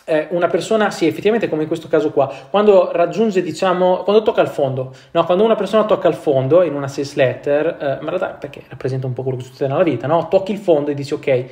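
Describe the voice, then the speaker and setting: A man with a fairly high voice talks casually through a marketing text, stopping to comment, laughing and cursing now and then. He often restarts his sentences. The room gives his voice a noticeable echo. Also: fast, few pauses, darkish tone. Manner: reads ad copy aloud and comments, laughing, swearing, restarting. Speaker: copywriting teacher. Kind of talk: casual screen-share commentary.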